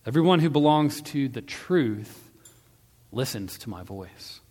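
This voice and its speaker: A man voicing a calm, solemn male holy teacher on trial, speaking in a measured, quietly assured way. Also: mid-range voice. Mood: earnest. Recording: long hall-like reverb.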